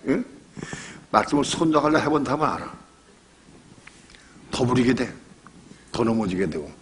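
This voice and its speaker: An older male pastor preaching in a chatty, storytelling way. He drives each point home by repeating phrases and asking the room rhetorical questions, at an everyday mid pitch. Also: sing-song, moderate pace, a bit bright, slight background noise. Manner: conversational preaching with rhetorical questions and personal stories. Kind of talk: sermon.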